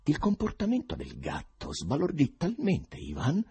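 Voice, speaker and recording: A man reading a novel aloud in expressive, scripted storytelling. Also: a little high, a little slow, vocal fry, husky, no echo. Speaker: audiobook narrator.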